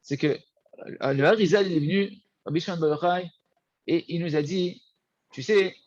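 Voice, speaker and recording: A man teaching a Torah lesson, lively and repetitive, often addressing his listeners as friends. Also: fairly high pitch, normal speed, no room sound, muffled recording. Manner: animated, repeats words, addresses listeners as friends. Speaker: rabbi teaching.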